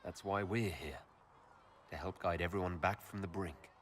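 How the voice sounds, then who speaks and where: A man's voice: sits low, a little hiss or hum, natural voice. A man voicing an earnest idealistic hero. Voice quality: measured, sincere. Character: earnest idealistic male hero leader, principled. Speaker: player hero character in a video game.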